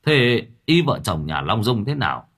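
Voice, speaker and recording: A man's voice: fairly low pitch, sing-song, normal speed, a bit bright, slightly rough, exaggerated voice. A man voicing a stern older village head who speaks in a firm, questioning way. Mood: commanding.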